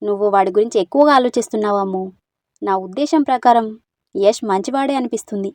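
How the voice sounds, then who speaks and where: A woman's voice: medium pitch, quick pace, darkish tone, no echo, natural voice. A woman voicing a teasing, level-headed young woman friend in a storybook reading. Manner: teasing and reassuring.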